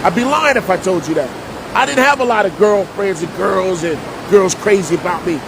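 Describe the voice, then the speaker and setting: Middle-aged man, New street talk, higher voice, heavy background rumble. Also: normal speed, gravelly. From Jersey City, New Jersey. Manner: streetwise slang, repeats himself for emphasis. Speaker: vlogger and preacher. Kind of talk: casual storytelling monologue. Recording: loud rumbling noise behind voice.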